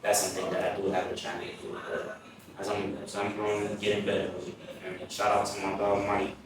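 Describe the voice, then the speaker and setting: Low, flat-voiced man, roomy and far. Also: quick pace, noisy background. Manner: laid-back, repeats "you feel me". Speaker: guest, creative director. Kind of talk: casual interview chat. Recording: roomy, distant mic, loud crowd behind.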